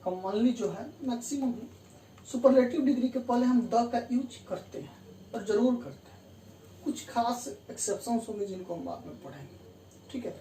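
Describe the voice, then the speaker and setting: A woman's voice: a little high, animated, normal speed, dark tone. A woman teaching an English grammar lesson, explaining rules step by step, repeating key terms and often checking that the class is following. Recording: distant roomy mic with faint room hum.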